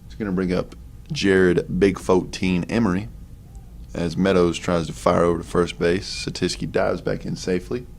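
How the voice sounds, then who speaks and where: Young guy calling baseball, real low voice, casual chatty commentary, bit of background noise. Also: normal speed, creaky. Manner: relaxed, chatty, offhand asides between pitches. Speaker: play-by-play announcer. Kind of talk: sports commentary.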